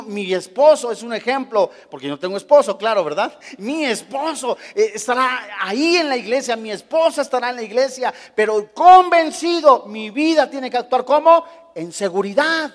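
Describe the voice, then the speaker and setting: Guy preaching a sermon, pretty high voice, keeps asking the crowd questions, big echoey church hall. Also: a bit bright. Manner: rhetorical questions to the congregation; acts out short scenes in character voices.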